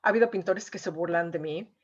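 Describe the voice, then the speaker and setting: A Mexican painter, interviewed as a guest, tells an emotional story in a conversational way, peppering it with "o sea" and "eh." Her voice is fairly low, fairly quick and breathy at the edges, and the sound is lo-fi.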